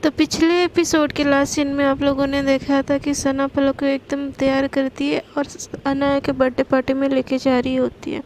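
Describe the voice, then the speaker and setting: A woman's voice: high voice, flat delivery, moderate pace, hardly any pauses, a little mellow, a little hiss or hum, rough recording. A woman storyteller narrating a love story in a casual, chatty manner, mixing English words into her talk.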